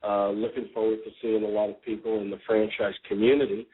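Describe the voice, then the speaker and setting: A man's voice: fairly low pitch, fast, breathy edge. Man hosting a radio show over a tinny phone line. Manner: relaxed, rambling, frequent ums and uhs. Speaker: podcast host. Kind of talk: casual radio talk show chat.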